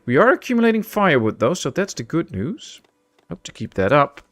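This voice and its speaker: A man's voice: on the high side, very animated, fairly quick, fairly bright tone. A man hosting a let's play, casually commentating his gameplay and thinking aloud as he plans each step.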